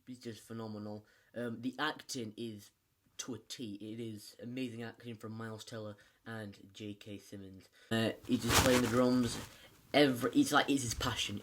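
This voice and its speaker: A man casually reviewing a film, rambling with lots of fillers and restarts. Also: mid-range voice.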